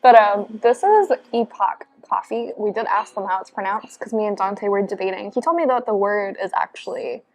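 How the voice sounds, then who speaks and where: A woman's voice: mid-range voice, expressive, moderate pace, few pauses, a little mellow. A young woman, chatting casually in a cafe for her vlog, full of "like" and "um". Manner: bubbly, many fillers like "like" and "um". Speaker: vlogger. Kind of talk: casual chat. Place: cafe, indoors, on a couch.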